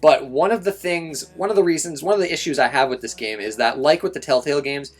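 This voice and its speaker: A man's voice: fairly high pitch, fast talker. A young man giving a casual video game review, rambling, with many restarts and fillers.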